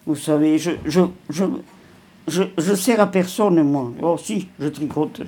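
Older woman for a home interview: low, dark, husky, rambling and sighing. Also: unhurried. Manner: rambling, repeats words, sighs. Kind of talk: casual reminiscing interview.

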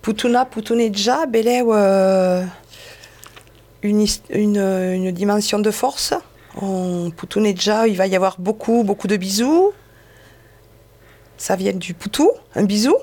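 A woman, co-presenting and explaining language points in an unhurried way. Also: mid-range voice, warm tone. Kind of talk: casual explanation.

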